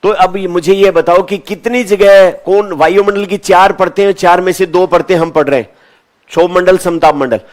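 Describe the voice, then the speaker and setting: A man's voice: high-pitched, fairly even intonation, moderate pace. A male teacher giving a classroom lecture, asking questions and answering them himself, repeating key terms.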